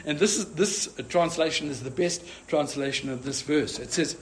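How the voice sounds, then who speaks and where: A man's voice: fairly high pitch, moderate pace, a little hiss or hum. A man preaching a sermon as pastor, earnest and often restarting with fillers.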